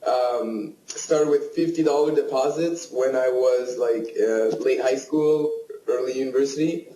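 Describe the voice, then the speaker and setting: Mellow-voiced man, echoey room. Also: medium pitch, a little slow, slight background noise. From Canada. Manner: frank, storytelling with self-deprecating asides. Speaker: poker player guest. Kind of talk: casual interview answers.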